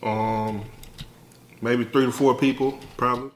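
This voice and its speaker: A man's voice: medium pitch, fairly even intonation, unhurried. A man chiming in with short, laid-back, joking remarks as his wife's co-host on a home food vlog. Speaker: vlogger's husband, co-host. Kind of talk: casual banter. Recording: echoey room with faint hiss.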